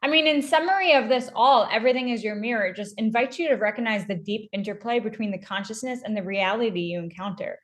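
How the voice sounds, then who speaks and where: Chatty woman cohost, highish voice, super emphatic, says like a lot. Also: quick pace, few pauses. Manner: animated, emphatic, lots of "like". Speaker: podcast co-host. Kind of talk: casual podcast chat.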